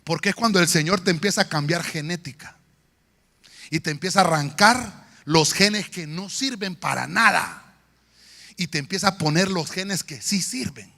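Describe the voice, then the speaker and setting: A pastor preaching a sermon in a church, swinging between shouts and quiet murmurs. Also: male voice, high voice, normal speed, creaky. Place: church sanctuary. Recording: long church hall reverb.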